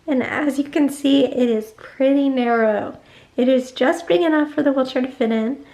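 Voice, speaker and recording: A woman's voice: high-pitched, normal speed, a little mellow. A young woman chatting casually to viewers, explaining each step of her routine at home. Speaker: vlogger. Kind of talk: casual vlog walkthrough. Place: at home, narrow laundry room and kitchen. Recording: echoey room.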